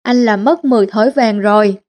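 A woman's voice: medium pitch, brisk, a little mellow, close to an everyday voice. A woman voicing a greedy, nagging older mother in a comic tale. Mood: blunt. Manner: nagging, blunt.

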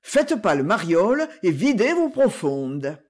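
A reader playing a coarse street thug from an old crime storybook, with a husky, slow delivery. He talks in crude slang and his politeness is fake. He sounds menacing but plain. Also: mid-range voice, big pitch swings, a little mellow. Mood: threatening. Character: crude male night prowler, a street thug. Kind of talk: audiobook reading.

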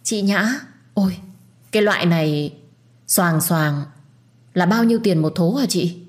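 A spoiled, greedy young sister-in-law, voiced by a woman narrator. She speaks eagerly in a high, bright register. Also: measured pace, natural voice.

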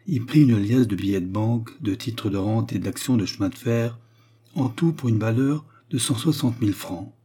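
A man reads a classic novel aloud as an audiobook narrator. His delivery is steady and measured. The voice sits low, with a dark, slightly husky tone.

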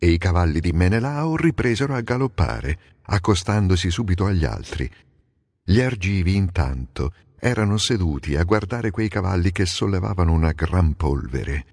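A man narrates an epic audiobook in a measured, storytelling voice. His pitch moves a great deal. The voice is close and dry, yet a long reverb tail lingers behind it. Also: darkish tone, husky. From Italy.

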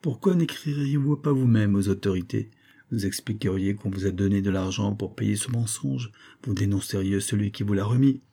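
A man reading a novel aloud and voicing a composed male investigator with measured, questioning speech. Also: lowish voice, gravelly, warm tone. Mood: grave. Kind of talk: audiobook reading.

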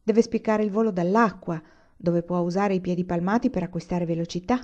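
A calm, steady pioneer father speaks in a low, measured way, read by a woman. The tone is mellow and soft at the edges. The recording is slightly muffled. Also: natural voice.

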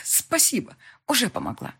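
A woman's voice: on the high side, huge pitch swings, normal speed, creaky, pushed and bright, husky, pitched above the performer's own voice, exaggerated voice. A woman reading an audiobook, voicing a furious, hysterical young woman who screams at the top of her voice. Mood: snapping.

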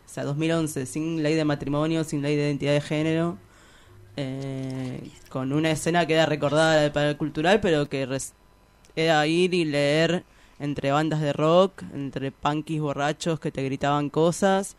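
A young Argentine poet with a Rioplatense Spanish accent gives a casual interview, rambling, hesitant, slangy and giggly. Her voice sits low, with fairly even intonation, normal speed and a clean tone.

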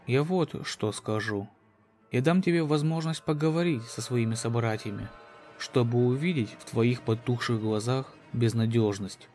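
A man voicing a gloating, menacing alien beast in a human body, slow, ominous and taunting, in a sci-fi horror audio drama. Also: mid-range voice, darkish tone, faint music behind, close to an everyday voice.

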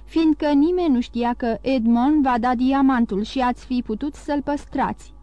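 Storybook role: a woman doing a greedy, excitable innkeeper, fervent and loud, in a mellow, fairly high voice, dry. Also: dry recording, muffled recording, lightly acted. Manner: exclaiming, fervent.

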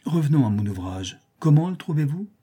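A man's voice: on the high side, sing-song, fairly quick, mellow, slightly rough. A man voicing a vain, pompous older count who admires his own verses. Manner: pompous, self-admiring, emphatic.

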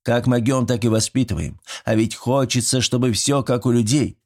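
A man's voice: mid-range voice, moderate pace, a little mellow, voice pushed up, lightly acted. A man voicing a fussy, good-natured old village grandfather who talks in folksy rural speech, sighing and fretting. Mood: fretful. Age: older.

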